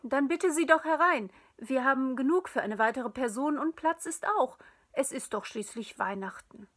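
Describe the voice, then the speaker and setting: A woman voicing a family mother who calls out loudly from another room, urging that the guest be let in. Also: high-pitched, lively intonation, moderate pace. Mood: calling out. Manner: loud, calling out cheerfully.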